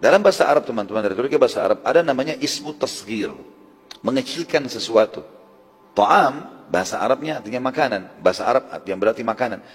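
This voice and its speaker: Male preacher, brisk casual storyteller, reverberant hall, faint music behind. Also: mid-range voice, animated, breathy edge. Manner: conversational, explains Arabic terms. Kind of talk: storytelling religious lecture.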